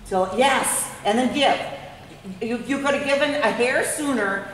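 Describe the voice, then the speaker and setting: In a very echoey indoor arena with faint noise, a female riding instructor calls short, often repeated commands to a horse rider as it happens. She speaks a little slowly in a slightly high, fairly bright voice, captured on a distant mic.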